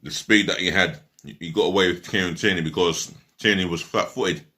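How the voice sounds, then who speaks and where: A man's voice: low voice, normal speed, sharp tone. A man giving a casual, rambling football match review, blunt and swearing freely, sometimes talking with his mouth full. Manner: talks while eating.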